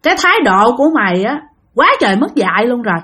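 A gruff, scolding exorcist master, put on by a woman storyteller. He speaks in lively, rising and falling tones with a Southern Vietnamese accent. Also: fairly high pitch, quick pace, exaggerated voice. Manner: scolding, threatening.

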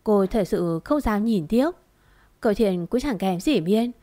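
A woman narrating a dramatic story in a steady, expressive reading voice. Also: mid-range voice, measured pace.

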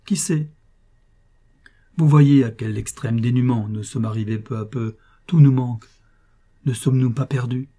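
A man's voice: mid-range voice, fairly even intonation, normal speed, pauses often, dark tone, natural voice. A man reading aloud and voicing a poor, proud young man who pleads in an earnest, troubled way. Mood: troubled pleading.

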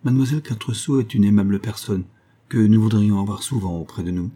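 A man's voice: on the low side, fast talker, mellow, lightly acted. A man voicing a gracious, jovial old duke who speaks courteously and evenly.

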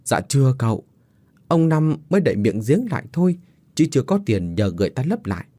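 A man's voice: mid-range voice, big pitch swings, brisk, warm tone, dry recording, clean studio sound, close to an everyday voice. A man voicing a frightened little village boy who whimpers and pleads. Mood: pleading.

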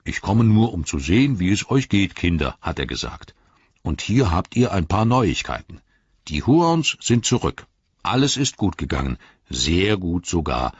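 Deep, husky, unhurried man voicing an ancient tree-giant for an audiobook. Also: big pitch swings, no echo, muffled recording, full character voice. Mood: jovial. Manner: slow, deliberate, rumbling.

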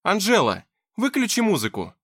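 A man voicing an eager, excitable young woman anxious to please. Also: sits high, moderate pace, pitched above the performer's own voice, heavily acted. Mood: excited. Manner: bubbly, excitable.

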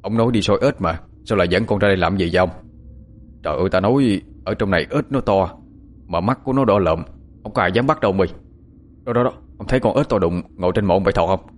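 A man voicing a frightened young village man who talks fast and stammers as he pleads. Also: sits low. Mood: anxious pleading.

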